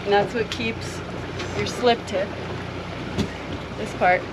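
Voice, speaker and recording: A woman in her thirties giving a relaxed, step-by-step how-to demonstration on an open boat, filmed with an action camera. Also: medium pitch, takes it slowly. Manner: relaxed, step-by-step explaining with fillers like "like" and "so". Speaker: spearfishing vlogger. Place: open boat deck on the sea, outdoors. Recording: action camera with loud wind and sea noise. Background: loud wind and water noise.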